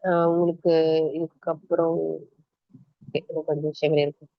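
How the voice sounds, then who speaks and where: A woman's voice: sits low, flat delivery, moderate pace, dry recording. A woman with a Tamil accent teaching an exam-prep class, explaining step by step and asking the class questions. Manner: mixes English terms into Tamil speech. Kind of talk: online exam-prep lecture. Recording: dry, muffled lo-fi recording.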